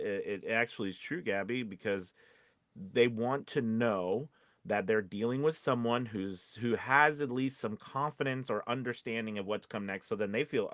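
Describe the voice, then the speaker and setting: A podcast co-host and voice-over coach, this man speaks at a medium pitch with a fairly bright tone and no room sound. He keeps his casual advice chat informal and encouraging, often acting out little example quotes and checking in with "you know what I mean."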